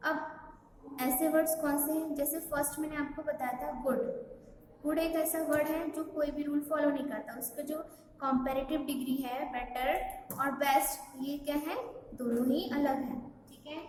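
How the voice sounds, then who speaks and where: A woman's voice: sits high, fairly even intonation, moderate pace, darkish tone, far from the mic. A woman teaching English grammar to a class, spelling words letter by letter and checking with the class as she goes. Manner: asks the class questions and checks "okay?". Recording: echoey hall with faint background noise.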